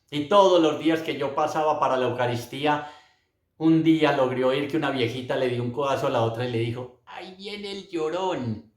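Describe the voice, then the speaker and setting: A middle-aged man giving an earnest, emotional religious testimony, speaking straight to his listeners. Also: medium pitch. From Colombia. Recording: roomy echo.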